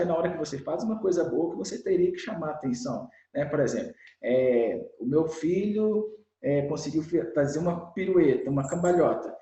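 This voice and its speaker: A man with a Brazilian Portuguese accent, a children's educator being interviewed, explaining in an animated way and acting out the lines of parents and children. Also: on the high side, echoey room, poor audio. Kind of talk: explanatory conversational talk.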